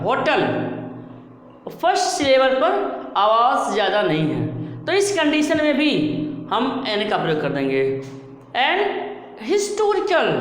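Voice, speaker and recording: A man teaching English grammar in a classroom-style lesson, going slowly and repeating each example several times. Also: high-pitched, a bit bright. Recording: very echoey hall with faint noise.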